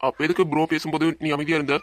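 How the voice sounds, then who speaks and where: A man voicing a confident, cocky young man in love, gently reassuring at times, in an amateur audio drama. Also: on the high side, flat delivery, very fast, dry recording, close to an everyday voice.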